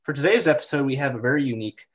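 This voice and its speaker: A man's voice: medium pitch, animated, rapid-fire. A man hosting a podcast interview, upbeat and chatty with lots of "you know"s. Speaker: podcast host.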